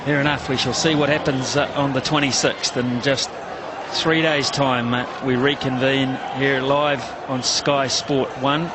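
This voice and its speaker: A man's voice: mid-range voice, flat delivery, a little slow. A man working as a cricket commentator on live television, opinionated, emphatic and conversational. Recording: loud crowd noise behind broadcast voice. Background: loud stadium crowd.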